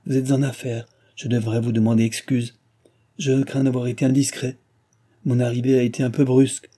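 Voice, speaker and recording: Man voicing a jealous young gentleman, tense and curt, dark husky voice, audiobook. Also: mid-range voice, level tone, a little fast, natural voice. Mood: uneasy.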